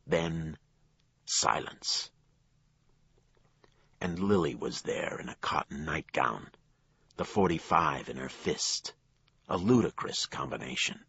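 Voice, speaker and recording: Very deep-voiced male audiobook narrator. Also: sharp tone, husky, no echo, dull audio. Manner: low, measured storytelling with acted dialogue. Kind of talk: scripted thriller narration.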